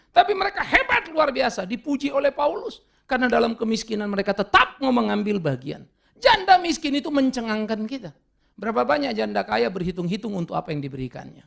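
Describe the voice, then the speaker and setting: A male pastor preaching a sermon in an animated way. He slips English words into his talk and acts out the people he quotes. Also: extremely high pitch, creaky.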